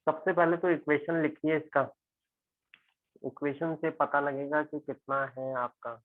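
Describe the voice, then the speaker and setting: A man's voice: on the high side, dry recording. A man from India teaching chemistry, working a problem step by step, often checking whether students follow. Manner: steady teacher tone, asking students quick check questions. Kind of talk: explaining a physical chemistry problem in a recorded lecture. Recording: tinny, phone-like, dry sound.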